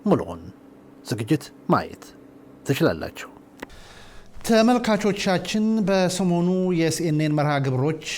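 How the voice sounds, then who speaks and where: A man's voice: medium pitch, a little mellow, a little hiss or hum. A man presenting the news from a television studio in a formal announcing style. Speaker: news anchor.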